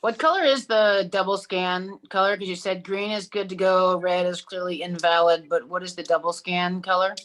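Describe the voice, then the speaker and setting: A woman's voice: on the low side, steady tone, moderate pace, few pauses, fairly bright tone, low-quality recording. A woman volunteering as an usher, asking practical, matter-of-fact questions.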